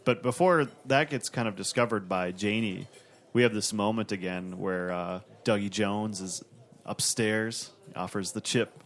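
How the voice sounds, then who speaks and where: A man's voice: on the low side, measured pace. A man co-hosting a casual TV recap podcast, easygoing as he recaps plot points in order. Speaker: podcast co-host.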